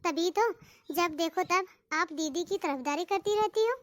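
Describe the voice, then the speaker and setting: A woman voicing a sharp-tongued, jealous younger daughter-in-law in a cartoon, taunting and sarcastic. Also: very high-pitched, unhurried, slight background noise. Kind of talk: cartoon voice acting.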